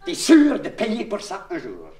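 Heavily acted and unhurried, this high male voice swoops wildly and has a darkish tone. A comedian with a Québécois French accent portrays a naive vagabond clown, rambling confidingly and garbling words into puns, captured on an echoey, distant, noisy old LP.

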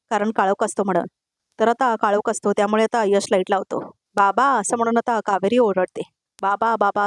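A woman races through a voice-over recap of a TV serial, tagging every quoted line as she goes and speaking straight to her viewers. Her voice sits at a middling pitch and is recorded close and dry, with no room sound around it. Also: a little mellow, no echo. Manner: retells scenes line by line, tagging each quote; addresses viewers directly with asides.

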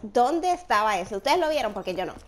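A young woman giving excitable gameplay commentary, shouting and shushing as she plays. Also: on the high side, a little fast, background noise. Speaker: gaming channel host.

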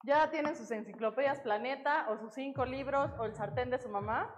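Instructora mexicana de voz alta y aguda; cuenta en voz alta, bromista y animada. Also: female voice, sits high, fairly quick, a little hiss or hum, rough recording. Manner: counts reps aloud, teasing and upbeat. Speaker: fitness instructor. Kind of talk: live online workout class.

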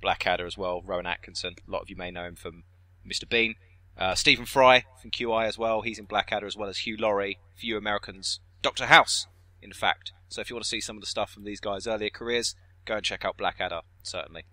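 Bright-voiced Southern English man chatting. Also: lowish voice, fairly even intonation, quick pace, dry recording. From southeast England. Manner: chatty, self-correcting, trails off into asides. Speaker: podcast co-host. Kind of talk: casual podcast chat.

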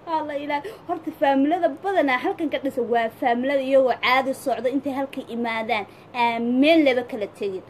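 A woman's voice: sits high, fast talker. A woman with a Somali accent giving casual, opinionated advice in an emphatic, pleading way, repeating phrases for stress. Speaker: social media commentator giving advice. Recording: clear background noise.

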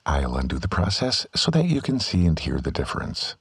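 A man giving a calm, step-by-step scripted voice-over for a software tutorial. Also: rumbling low, brisk, slightly rough, no room sound, studio quality. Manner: calm, step-by-step instructional delivery.

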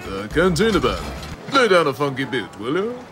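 A man's voice: mid-range voice, wildly swooping pitch, moderate pace, over music. A man voicing a prim, overly precise male companion in a comedy sketch. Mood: fussy.

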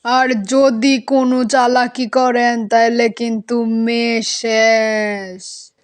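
A woman's voice: a little high, flat delivery, extremely slow, clean tone. A woman with a regional Bangladeshi Bengali accent voicing a blunt, bossy male kidnapper in an amateur cartoon. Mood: menacing.

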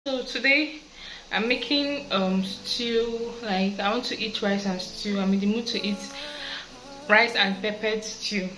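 A woman's voice: mid-range voice, measured pace, background noise. A young woman chatting casually to her phone camera in a student vlog. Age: young adult. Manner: chatty, relaxed, talks straight to camera. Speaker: student vlogger. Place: small apartment room and kitchen, indoors.

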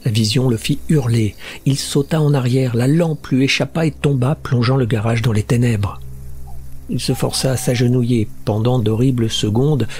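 A man's voice: mid-range voice, moderate pace, darkish tone. Man reading a horror story aloud. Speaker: audiobook narrator. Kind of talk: scripted narration of a horror short story. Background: faint music.

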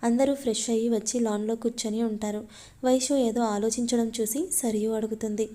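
A woman reading a love story aloud as a steady scripted narration. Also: a little high, fairly quick.

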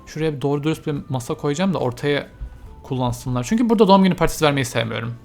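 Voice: medium pitch, very fast, vocal fry, darkish tone. A let's-player chats through a game session in a mid-range voice, talking straight to the characters and exclaiming often. English game terms slip into the commentary, with faint game music underneath. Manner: chatty, talks to game characters, frequent exclamations. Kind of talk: casual let's-play commentary.

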